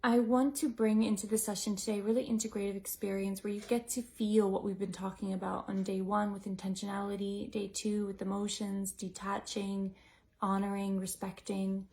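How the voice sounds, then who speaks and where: A woman leading a breathwork class, talking in a gentle, musing way, full of "like" and "you know". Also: medium pitch, little pitch movement, moderate pace. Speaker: breathwork teacher. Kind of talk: reflective teaching talk to a group.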